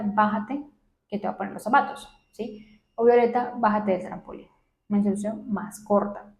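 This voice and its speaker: Soft-voiced woman psychologist explaining calmly. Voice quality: soft, low voice. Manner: explanatory, checks in often with short tag questions. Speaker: child psychologist. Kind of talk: educational talk to camera. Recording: roomy echo.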